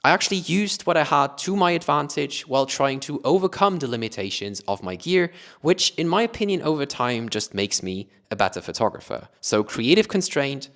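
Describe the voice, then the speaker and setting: Speaking to camera about gear, a young photography YouTuber from Luxembourg explains methodically, his mid-pitched voice swinging in a very animated way. His accent blends Luxembourgish with British-taught English, and he keeps rephrasing with "let's say" and "additionally."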